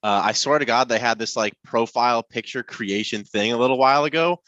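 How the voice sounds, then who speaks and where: A man's voice: mid-range voice, brisk, a bit bright, dry recording, muffled recording. A man hosting a casual podcast chat, rambling along with many fillers and restarts. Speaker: podcast host.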